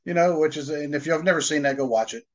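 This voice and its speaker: A man's voice: fairly high pitch, fast talker. A man co-hosting a podcast in casual chat, talkative, with lots of "you know" fillers. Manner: chatty, many "you know" fillers, laughs easily. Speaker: podcast co-host. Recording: dull lo-fi audio.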